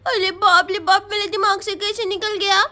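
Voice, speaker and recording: A woman's voice: very high voice, little pitch movement, moderate pace, bright, forceful tone. A woman voicing a sleepy, easygoing schoolgirl who goes along with her friend's plan. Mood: drowsy.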